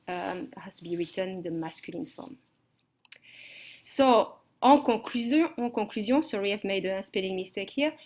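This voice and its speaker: A woman teaching a language lesson from slides, explaining step by step and checking understanding with "okay?". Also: medium pitch. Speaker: French teacher.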